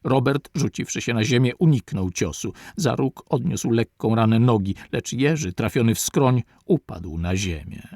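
Gravelly male audiobook narrator. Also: mid-range voice, expressive, dark tone, dry recording, clean studio sound. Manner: measured literary reading. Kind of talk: reading a classic adventure novel aloud.

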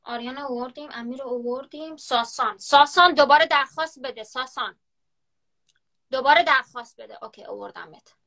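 A woman's voice: high voice, creaky, pushed and bright. A woman hosting a live stream on her phone, chatting, gossiping and teasing her guests. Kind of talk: casual live-stream chat.

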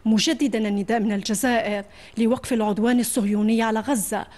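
A woman reads the television news in a formal, composed newsreader manner. Her voice sits a little high, steady from sentence to sentence. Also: fast. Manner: formal, even newsreader delivery. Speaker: news anchor. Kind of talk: news reading.

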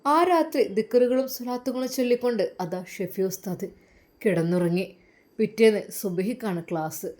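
A woman narrating an emotional story in a slow, heartfelt way. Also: medium pitch, darkish tone.

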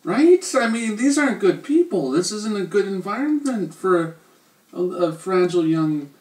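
A man's voice: sits high, big pitch swings, moderate pace, a little mellow. A man co-hosting a casual show, joking around playfully. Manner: jokey, playful. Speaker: co-host. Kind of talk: casual chat reviewing a TV show. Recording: roomy, distant mic.

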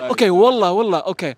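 A young man hosting a casual street interview outdoors on a handheld mic, prodding people and repeating his words. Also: high-pitched. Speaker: street interviewer and quiz host. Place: outdoors in parks and town squares. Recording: outdoor street recording, faint traffic noise.

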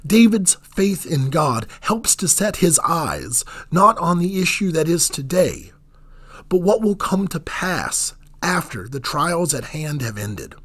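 A man preaching a sermon in an earnest, measured way, letting his voice drop on key phrases. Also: fairly high pitch, very animated, fairly bright tone, husky.

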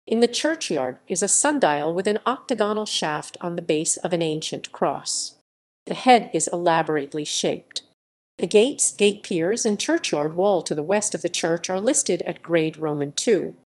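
A woman reading an encyclopedia article aloud in an even narration, reading symbols and captions out literally. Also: fairly low pitch, normal speed. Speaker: article reader.

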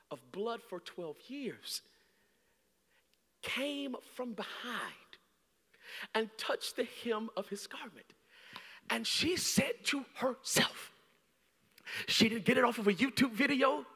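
A man in his thirties preaching a sermon on a large church stage with a handheld mic, swinging from hushed, slow lines to shouted peaks. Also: high-pitched. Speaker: guest preacher. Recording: long hall reverb.

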